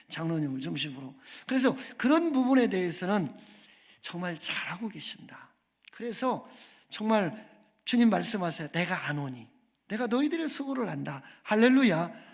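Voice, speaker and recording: Lively high-voiced male preacher. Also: vocal fry, husky. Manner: emphatic, calls for amens and asks the congregation questions. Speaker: guest pastor. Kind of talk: sermon. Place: church sanctuary.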